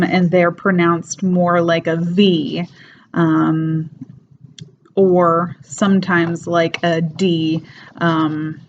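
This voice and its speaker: A woman, an English teacher, giving a casual spoken lecture, explaining things in an unhurried way with frequent fillers. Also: on the low side. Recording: dull lo-fi recording with faint noise.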